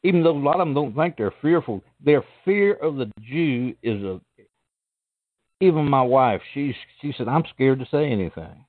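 Deep Southern caller, man on phone line. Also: animated, moderate pace, dry recording. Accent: deep Southern American. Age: middle-aged or older. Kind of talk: casual chat.

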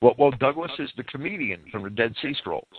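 A man with a mid-range, animated voice speaks briskly with a breathy edge as he answers critics on a radio program, lecturing at length, citing sources, and repeating words when he restarts. There's no room sound, though the audio is tinny, like a phone line.

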